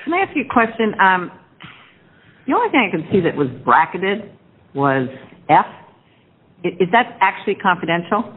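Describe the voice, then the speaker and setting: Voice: mid-range voice, very animated, normal speed, pauses often, slightly rough. A presiding judge questioning counsel in an informal, plain-spoken way. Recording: thin phone-like courtroom audio.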